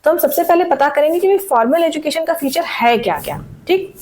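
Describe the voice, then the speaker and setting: Switching between Hindi and English, a woman teacher preps her class for exams, slowly reading each question in English and then explaining it, with frequent "theek hai" checks. Her voice sits a bit high, with a darkish tone and lively intonation, and it cracks occasionally from a sore throat.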